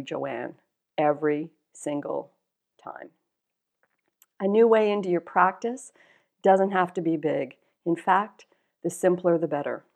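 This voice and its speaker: A woman coach giving a reflective spoken lesson, wry and self-mocking, in a measured way. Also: on the low side, darkish tone.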